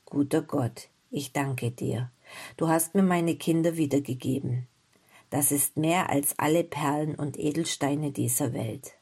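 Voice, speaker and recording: A woman voicing a poor old woodcutter father in a fairy tale, speaking slowly in a hushed, moved way. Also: fairly low pitch, slightly rough. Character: poor older woodcutter father, tender and grateful.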